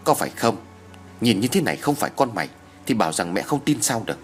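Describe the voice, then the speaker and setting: A man's voice: fairly low pitch, very animated, fast talker, faint music behind. A man voicing a distraught older village mother who wails and scolds. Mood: teasing. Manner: wailing and scolding.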